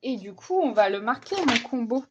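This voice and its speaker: A young woman chats her way through a coloring session, slowly and hesitantly, with lots of fillers and restarts. Her voice sits a little high. The home recording sounds slightly dull, with a faint hiss behind it. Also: expressive. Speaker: vlogger. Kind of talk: casual coloring vlog chat.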